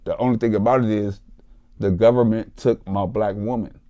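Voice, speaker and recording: A man's voice: on the low side, steady tone, normal speed, dark tone. A man from Columbus, Ohio, with an Ohio accent, telling his life story as a podcast guest in an emphatic, profane, preachy way. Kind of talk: emotional storytelling.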